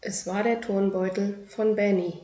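A woman narrating a children's book in a lively, expressive storytelling manner. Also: mid-range voice, moderate pace. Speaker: audiobook reader. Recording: roomy echo.

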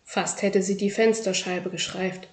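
A woman's voice: mid-range voice, fairly even intonation, a little slow. Woman reading a children's story. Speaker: audiobook reader. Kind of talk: children's book narration. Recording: roomy echo.

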